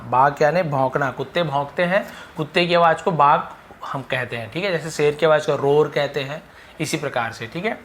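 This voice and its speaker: Man, Hindi accent, slightly higher voice, vocabulary lesson, word-then-explanation delivery. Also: fairly bright tone. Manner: reads word then explains, frequent "okay" checks. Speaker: English teacher.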